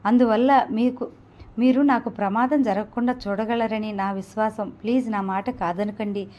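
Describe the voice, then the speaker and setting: A woman's voice: medium pitch, steady tone, moderate pace, a little mellow, highs cut off, close to an everyday voice. A woman voicing an earnest young heiress who begs a man for protection. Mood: pleading. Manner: earnest, pleading. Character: troubled young heiress pleading for help.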